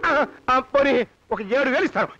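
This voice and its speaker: A man's voice: very high-pitched, lively intonation, brisk, sharp tone, highs cut off, a little hiss or hum, heavily acted. An actor playing a stingy old male miser who grumbles, haggles and curses under his breath, in a comic film. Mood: grumbling. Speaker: miserly moneylender.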